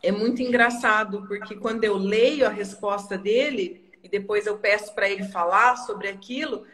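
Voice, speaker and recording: A Brazilian woman hosting a live online talk, chatty and quick to laugh. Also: mid-range voice, a bit bright.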